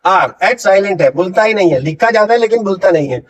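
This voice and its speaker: A man with an Indian accent teaching English pronunciation in Hindi, patiently explaining and slowly drawing out model words for learners to repeat. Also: high-pitched, lively intonation, highs cut off. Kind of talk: Hindi-language pronunciation lesson.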